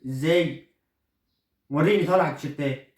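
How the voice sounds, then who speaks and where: A man's voice: a little high, brisk, darkish tone, close to an everyday voice. A man with an Egyptian accent playing an indignant teenage son in a comedy sketch, scornfully refusing the clothes he was given. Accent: Egyptian Arabic. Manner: outraged, scornful protests. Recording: roomy echo, voice far from the mic.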